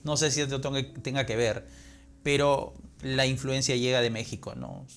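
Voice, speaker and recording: A man's voice: medium pitch, moderate pace, vocal fry, fairly bright tone, clear, resonant tone. A man with a Lima Peruvian accent, a literature professor talking as an interview guest, explaining in a teaching manner and answering his own questions. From Peru.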